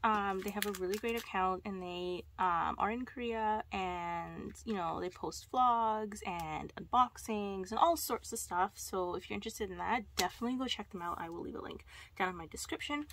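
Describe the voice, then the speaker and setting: A woman's voice: medium pitch, normal speed, fairly bright tone, a little hiss or hum. A woman vlogger talking casually through an unboxing haul, gushing and squealing with delight.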